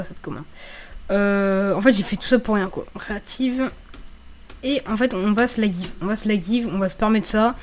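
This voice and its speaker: Slight background noise sits behind this woman's mid-range, darkish voice. She's a gaming video creator doing a loose, slangy let's play, cursing freely and repeating phrases as she thinks aloud.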